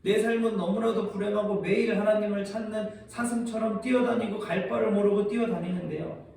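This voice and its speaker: A man with a fairly high voice delivers a sermon and keeps putting questions to his listeners. He sounds far from the mic, and the room gives his voice a heavy echo. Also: steady tone, a little fast, creaky, darkish tone, a little hiss or hum. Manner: asks the congregation rhetorical questions. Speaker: preacher.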